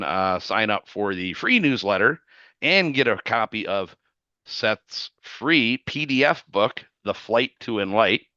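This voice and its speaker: A man with a raspy voice hosting a weekly video-call livestream, opening the show in a casual, chatty way. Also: on the low side, bright, forceful tone, no room sound, dull audio. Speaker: livestream host.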